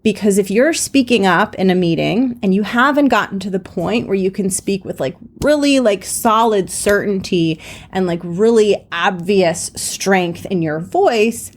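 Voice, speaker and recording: A woman's voice: mid-range voice, unhurried, slight background noise. A woman hosting a solo podcast, teaching in an earnest, reassuring way, peppering her talk with "like" and "right?" and laughing at herself. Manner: earnest, reassuring, many "like" fillers and "right?" tags. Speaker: podcast host and confidence coach.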